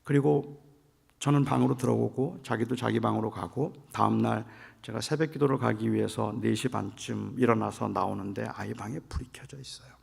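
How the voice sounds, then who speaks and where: Gravelly middle-aged male pastor, reverberant church. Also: on the low side, steady tone, moderate pace. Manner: storytelling, rising to shouted emotion when quoting himself. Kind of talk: revival sermon with personal story. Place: large church sanctuary. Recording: long hall reverb.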